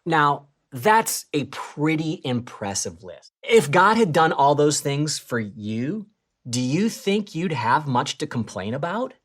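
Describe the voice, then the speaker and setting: Speaking slowly in a low voice, this woman co-presents a scripted children's church lesson. As she narrates, her pitch moves widely, going from excited to hushed.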